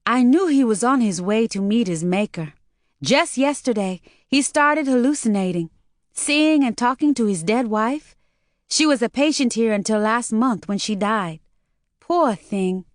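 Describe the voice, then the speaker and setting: A woman's voice: fairly high pitch, expressive, unhurried, dry recording, clean studio sound, voice pushed up. A woman narrator voicing a chatty young woman receptionist with a slight Chinese accent and a hint of southern drawl.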